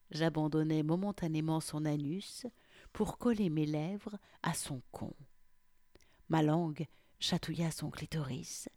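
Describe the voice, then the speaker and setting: A woman reading an erotic story aloud in a hushed, half-whispered delivery, close to the mic. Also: deep voice, no echo. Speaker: narrator.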